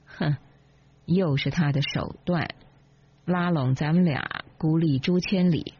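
女声压低扮演的辩解的年轻丈夫. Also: female voice, sits low, slow, slight background noise. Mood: defensive. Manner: indignant, earnest. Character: defensive earnest young husband. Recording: dull lo-fi, dry.

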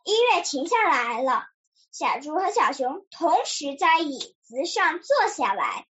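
Woman storyteller, children's storybook reading, high voice, slow, dull lo-fi recording. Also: big pitch swings, fairly bright tone, a little hiss or hum.

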